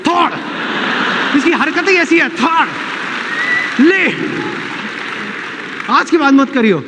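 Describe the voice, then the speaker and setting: A man putting on the voice of an anxious mother begging the father to stay calm. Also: slow pace, a crowd in the background, noisy background, exaggerated voice. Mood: pleading. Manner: high pleading falsetto.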